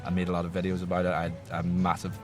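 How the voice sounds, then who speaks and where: A young Irish man with a lowish voice tells a long, rambling story, and he jumps into lively quoted voices as he goes. It is casual podcast chat, with music playing clearly behind him. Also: very fast. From Ireland. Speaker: guest.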